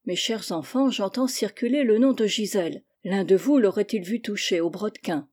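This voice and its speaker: A woman reading a storybook voices a kindly but stern older gentleman who speaks in a measured, gently admonishing way. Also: mid-range voice, breathy edge, natural voice.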